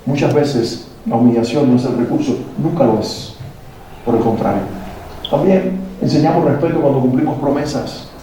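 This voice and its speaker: Male speaker for a parenting workshop: very warm dark voice, lecturing with rhetorical questions, boomy hall sound, mic set back. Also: normal speed. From Latin America. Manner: preachy, poses rhetorical questions to the audience. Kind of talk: motivational talk to parents. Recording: very echoey hall, mic at a distance, faint noise.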